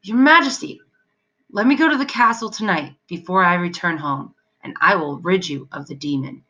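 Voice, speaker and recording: A woman's voice: on the low side, normal speed, sharp tone, muffled recording. A woman voicing a brave young soldier who speaks casually and self-assuredly, in a storybook reading. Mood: unruffled. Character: brave, cool-headed young male soldier.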